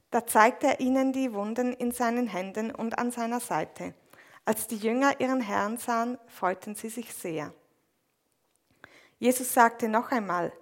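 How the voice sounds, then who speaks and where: Woman reading bible text and interpreting a sermon, a bit high pitched, steady. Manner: measured, even reading with small slips. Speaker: scripture reader and interpreter. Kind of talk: reading scripture aloud, then interpreting a sermon.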